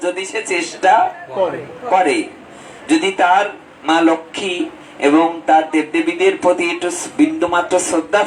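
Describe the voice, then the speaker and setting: A man giving a devotional sermon as a storytelling preacher, swinging between high exclamations and low asides. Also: recorded from a distance, poor audio. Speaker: Bhagavat preacher.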